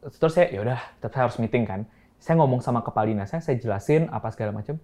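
Male founder, 30s, casual interview storyteller, code-switches, mid pitch. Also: expressive, racing, mellow. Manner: mixes English into Indonesian, acts out quoted people. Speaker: startup founder guest.

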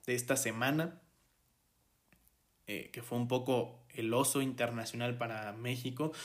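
A man with a Mexican accent hosting a podcast, talking through the news in a casual, hesitant way, with many fillers and restarts. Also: medium pitch. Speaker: podcast host. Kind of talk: casual solo commentary.

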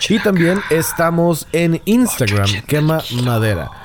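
A Mexican man hosts a loose, joking podcast chat. He throws out playful, mock-grand introductions for his co-host, and his pitch rises and dips freely. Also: big pitch swings, a little slow, background noise. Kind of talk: casual podcast banter.

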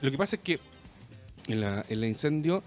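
A man with a Chilean accent telling a story in casual chat, rambling and animated, full of slang. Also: mid-range voice, moderate pace, soft background music.

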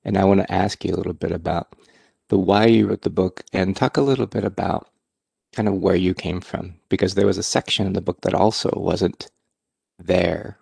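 A man, a co-author hosting the talk, speaking in a relaxed way with many fillers. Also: low voice, moderate pace, gravelly, slightly rough, no room sound. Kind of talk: casual conversation.

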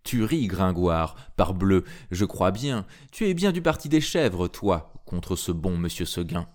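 A man's voice: low voice, sing-song, darkish tone. A man reading a tale aloud in a theatrical storytelling manner, speaking to a listener. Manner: slow and theatrical, addressing a listener. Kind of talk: expressive storytelling.

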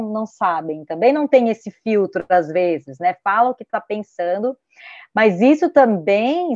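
A woman's voice: medium pitch, no echo. A woman with a Brazilian Portuguese accent, a music therapist in her thirties, talking casually in a panel conversation and tagging her sentences with a questioning 'né'. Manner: chatty, tags nearly every sentence with a questioning 'né', restarts often; gets lively when retelling a story. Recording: dry, slightly dull call audio.

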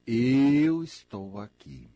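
A man giving self-help advice in a lively, conversational way, acting out little imagined exchanges. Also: mid-range voice, no echo, highs cut off. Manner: animated, acts out imagined people in quick asides.

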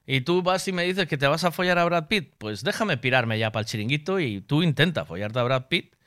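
A man co-hosts a loose radio chat and speaks bluntly and crudely, pushing his points with one question after another. His voice is bright, smooth and clear, and sits a little high. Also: animated, fairly quick. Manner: blunt, crude, emphatic, keeps adding "¿sabes?".

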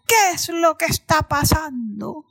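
A woman voicing a commanding male lion king in a children's story, loud and bossy. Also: extremely high pitch, sing-song, brisk, voice pushed up.

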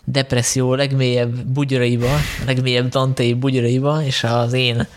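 A man hosting a film podcast, speaking in a measured way with frequent filler sounds. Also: medium pitch, level tone. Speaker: podcast host. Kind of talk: casual film discussion.

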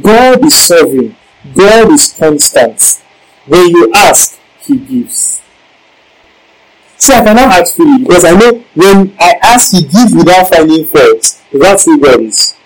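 A man's voice: a little high, animated, unhurried, poor audio. A male preacher giving a Bible-teaching sermon, emphatic, repeating key lines and asking the congregation questions.

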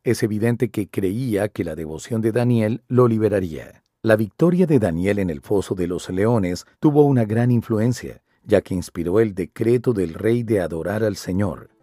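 A man hosting a devotional, speaking in a calm, earnest preaching tone in scripted narration. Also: fairly low pitch, normal speed, hardly any pauses, dry recording, clean studio sound. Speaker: devotional host. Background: soft guitar music.

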